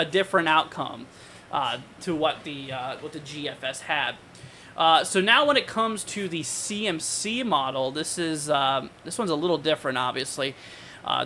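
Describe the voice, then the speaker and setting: A man with a bright, forward voice, pitched a little high, hosts a casual live weather forecast. He talks informally, thinking aloud as he goes, in a conversational way. There is some faint noise behind him. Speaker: weather livestream host.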